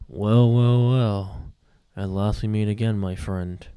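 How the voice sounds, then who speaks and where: Damien Blade, a booming, gloating villain as a man puts him on from a homemade fan film. His delivery is low, dark and slow, every threat drawn out. He sounds theatrical and distant from the mic. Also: steady tone. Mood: menacing. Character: menacing male villain, dark future self.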